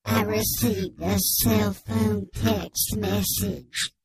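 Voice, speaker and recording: A woman as an anonymous radio caller whose voice is disguised with a slowed, deepened filter, speaking in a prim deadpan. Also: gravelly, a loud crowd.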